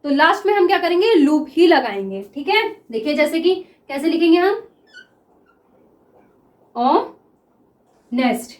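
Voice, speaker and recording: Woman teacher, high voice, echoey room, keeps asking "clear?" between examples. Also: expressive. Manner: repeats words slowly while writing, asks 'clear?' often. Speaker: shorthand teacher. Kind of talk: classroom lesson explaining examples.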